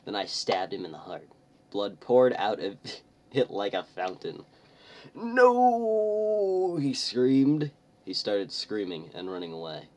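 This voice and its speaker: A man's voice: deep voice, moderate pace, recorded from a distance. A man hosting a comic read-through of a fan-fiction story, joking and stumbling over the text with chuckling asides. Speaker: online reader, channel host. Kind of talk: comic dramatic reading.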